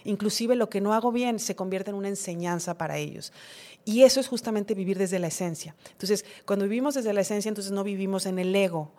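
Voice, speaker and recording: A woman's voice: medium pitch, fast, mellow. A middle-aged woman, a podcast guest, talking reflectively in a conversational interview and acting out her own inner dialogues.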